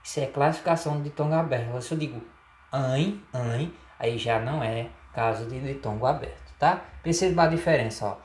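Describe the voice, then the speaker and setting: A man with a Brazilian Portuguese accent teaching a grammar lesson, explaining step by step and asking rhetorical questions. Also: medium pitch. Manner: slow, deliberate explaining, frequent rhetorical questions and "tá?". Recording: echoey room.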